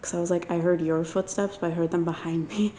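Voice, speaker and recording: Female paranormal vlogger, hushed and unsure, casual night narration over clearly audible noise. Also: lowish voice, fairly even intonation, quick pace. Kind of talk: casual night investigation vlog. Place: inside a large old castle at night. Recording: echoey room with clear noise and clicks.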